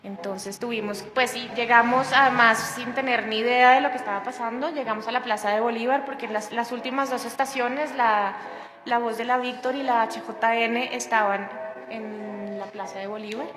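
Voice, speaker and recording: A woman's voice: fairly high pitch, fairly even intonation, moderate pace, music in the background. Chatty woman in an echoey room. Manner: chatty, many restarts and fillers. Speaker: guest, sound project organizer. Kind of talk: casual radio conversation.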